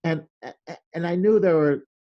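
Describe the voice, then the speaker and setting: A man telling animated stories in a casual interview, acting out quoted lines with a loud voice. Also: fairly high pitch, normal speed, muffled recording. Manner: animated storyteller, acts out quoted lines loudly. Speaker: podcast guest, creativity speaker.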